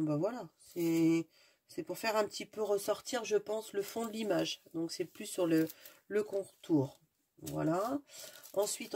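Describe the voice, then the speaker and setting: A woman's voice: on the low side, dark tone, slightly rough. A woman with a stuffy nose, chatting casually and enthusiastically while unboxing, often searching for words. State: stuffy, sniffling. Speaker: craft video host.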